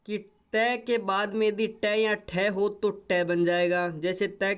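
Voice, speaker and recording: A man's voice: sits high, fairly bright tone, clear, resonant tone. A man teaching a grammar lesson, going over each rule step by step and repeating the examples. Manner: repetitive step-by-step explaining.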